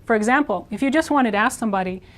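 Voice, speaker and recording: A woman teaching a Spanish lesson, modeling words slowly and repeating each one. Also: on the high side. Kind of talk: video language lesson.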